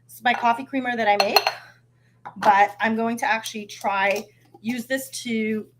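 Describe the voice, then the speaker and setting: A woman's voice: fairly high pitch, fairly even intonation, unhurried. Chatty upbeat woman hosting a live show. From Canada. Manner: chatty and upbeat, many fillers and restarts. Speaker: host of a live cooking show. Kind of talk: casual live-stream chat.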